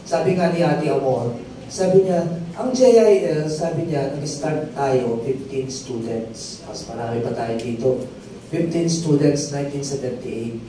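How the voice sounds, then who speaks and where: A man's voice: mid-range voice, unhurried, warm tone. A man preaching a sermon as pastor, telling stories and calling again and again for the crowd to answer "amen". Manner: call-and-response, keeps asking the crowd for "amen"; storytelling testimony with rising emphatic peaks. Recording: very echoey hall, mic far off, faint noise.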